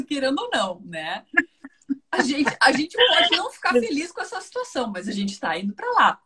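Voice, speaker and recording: Her voice is fairly high, somewhat bright, and husky. Speaking with a southern Brazilian accent, she's a guest nutritionist in a live online talk, explaining conversationally and chattily, with emphatic repetition and frequent tag questions.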